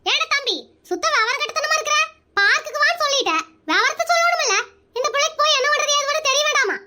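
A shrill, very high, sharp-toned cartoon aunt who nags and bosses everyone in rapid-fire bursts. She scolds nonstop and talks over people, all in a comedy cartoon register. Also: exaggerated voice. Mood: scolding. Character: bossy meddling middle-aged aunt, loud and scolding.

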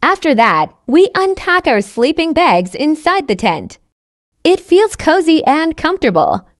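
A woman narrates a simple story for English learners in a high, lively voice at an unhurried pace. It's a scripted teaching read: she enunciates every phrase carefully and repeats sentences identically, recorded dry and close without room echo.

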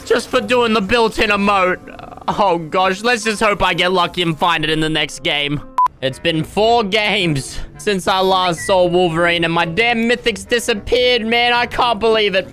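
This young Australian YouTuber commentates on games in a high, bright voice that is going hoarse. His excited, over-the-top delivery is loud and dramatic, packed with squealing yelps and groans.

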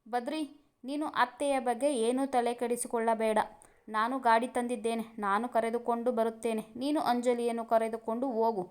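A woman voicing a calm, teasing young village woman in a storybook reading. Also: fairly high pitch, moderate pace, clean tone, lightly acted. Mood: quiet. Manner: coaxing, playful.

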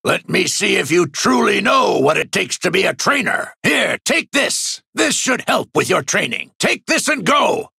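An actor playing a gruff old sea captain in a video game, a proud, stern mentor with a raspy, gravelly voice and hearty, commanding bluster. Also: male voice, high voice, big pitch swings, a little slow, few pauses, sharp tone, no room sound, studio quality, heavily acted. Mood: rousing, commanding. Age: older. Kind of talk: video game character voice lines.

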